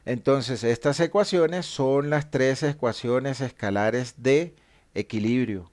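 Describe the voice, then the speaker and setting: A man's voice: mid-range voice, slow, darkish tone. A man teaching a statics class, explaining equations patiently and stopping to correct his own mistakes.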